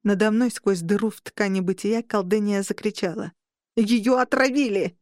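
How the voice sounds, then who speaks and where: Brief: female audiobook narrator, mid pitch, very dry close recording. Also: steady tone, normal speed, mellow, no room sound. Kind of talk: first-person audiobook narration.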